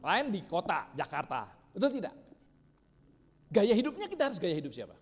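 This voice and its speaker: A man's voice: high voice, huge pitch swings, normal speed, husky. A man teaching a church discipleship class, constantly quizzing his listeners. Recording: reverberant hall.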